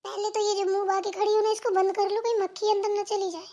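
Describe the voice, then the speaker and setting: A woman voicing a rich, arrogant young daughter-in-law in a cartoon, talking in a sharp, mocking way. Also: extremely high pitch, little pitch movement, fast. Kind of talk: cartoon voice acting.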